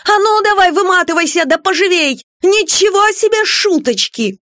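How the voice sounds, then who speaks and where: A woman voicing an outraged, bossy beauty-salon owner who shouts and scolds in a high voice. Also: lively intonation, normal speed, no room sound, clean studio sound, full character voice.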